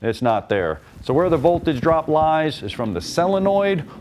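A man's voice: fairly high pitch, big pitch swings, moderate pace, a little mellow, a little hiss or hum. A man in his forties, a technician and instructor, giving a folksy, plain-spoken repair demonstration in a large workshop on a lapel mic. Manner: folksy, plain-spoken, explains while working.

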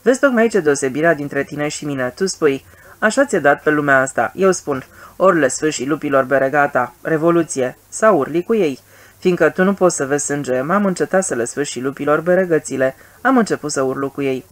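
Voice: medium pitch, natural voice. A reader voicing a scheming bitter husband. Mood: self-justifying. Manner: bitter, self-justifying. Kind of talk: audiobook reading.

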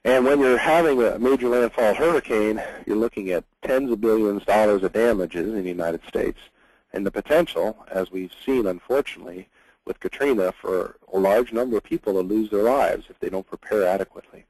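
A man's voice: on the low side, a little fast, a little mellow, no room sound, rough recording. A man presenting as a hurricane scientist in a webinar, explaining earnestly with frequent fillers over a computer mic.

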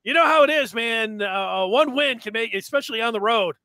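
A high, bright-voiced man in his thirties talks sports on a headset mic from his home room. His sound is dry and close. He rambles excitedly, full of fillers. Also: a little fast, dry recording. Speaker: podcast host. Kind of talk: casual sports chat. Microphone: headset mic on video call.

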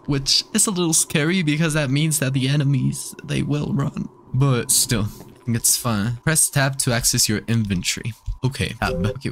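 A man streaming a horror game with casual commentary, scared and jumpy, with campy, sassy slang and dramatic reactions. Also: mid-range voice. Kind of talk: casual let's play commentary.

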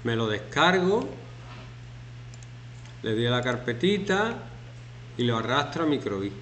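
A teacher in his fifties chats and jokes with his students as they work through a class activity, speaking at medium pitch and an unhurried pace. He's lively and acts out shouting examples, recorded in an echoey classroom with faint background noise.

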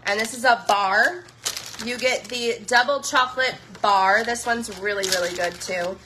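A woman's voice: fairly high pitch, unhurried, bright, forceful tone, slight background noise. A woman chatting in a casual live stream, gushing over products she tries and saying "y'all" to her viewers. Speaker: social media influencer.

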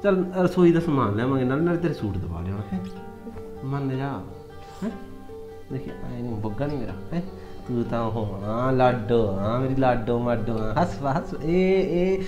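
A man's voice: a little high, moderate pace, few pauses, mellow, faint music behind, lightly acted. A young man playing a joking husband who wheedles and pleads to win over his sulking wife. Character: coaxing young village husband. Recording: echoey, slightly muffled.

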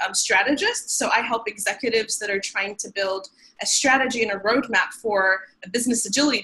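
Bright-voiced woman hosting a webinar. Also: on the high side, low-quality recording. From Sudan. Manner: upbeat, many filler ums. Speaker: webinar host. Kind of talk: webinar presentation. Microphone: webcam on video call.

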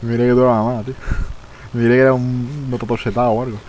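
A young man from streaming live gameplay, chatting casually, swearing and shouting when the game frustrates him. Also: medium pitch, little pitch movement, fast, slight background noise, rough recording.

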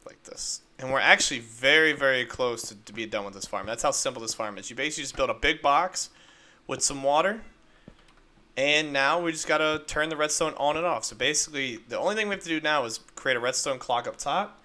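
A man's voice: mid-range voice, fairly quick, pushed and bright. A man casually narrating a game-building tutorial step by step, upbeat and playful with little sound effects. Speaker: Minecraft video creator.

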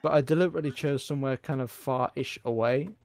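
A man's voice: medium pitch, quick pace, a little mellow. A man hosting a casual gaming session, playful and chatty, who drifts into song and silly voices. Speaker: let's play host. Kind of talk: casual chat while gaming.

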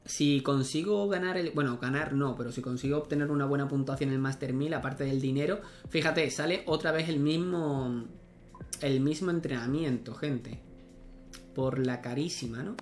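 A man's voice: medium pitch, normal speed, slight background noise. A young man, chatting casually as he plays a tennis video game, thinking aloud and swearing at misses. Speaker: gaming streamer. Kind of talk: casual gameplay commentary.

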